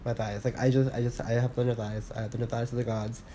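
A man in casual podcast chat, rambling with many fillers and restarts, candid and quick to laugh. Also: medium pitch, flat delivery, dark tone, slight background noise. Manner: laughs often, candid and profane. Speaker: podcast co-host.

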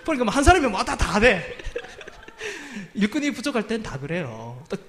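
A man's voice: sits high, sing-song, normal speed, a bit bright, soft background music. A male pastor preaching a sermon from a church pulpit, humorous and self-deprecating, often laughing at his own jokes.

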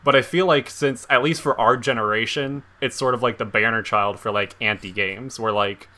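Bright-voiced man hosting a podcast. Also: mid-range voice, steady tone, normal speed. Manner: rambling, heavy use of "like". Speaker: podcast co-host. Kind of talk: casual chat.

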